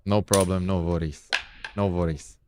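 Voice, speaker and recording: A man's voice: deep voice, steady tone, moderate pace, dark tone. Man, Czech accent, playful live commentary, repeats himself, faint noise behind. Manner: chatty, playful, repeats phrases. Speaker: backgammon commentator.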